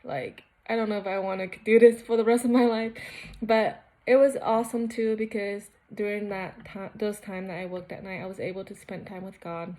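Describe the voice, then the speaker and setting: A woman's voice: medium pitch, fairly even intonation, moderate pace, a little mellow. A young woman from Cambodia sharing her personal faith testimony in a casual, earnest, rambling way with many fillers. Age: young adult.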